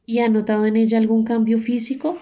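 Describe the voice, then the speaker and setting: A woman voicing a cautious middle-aged male priest who asks measured questions, on a dull, muffled recording. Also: on the high side, steady tone, lightly acted.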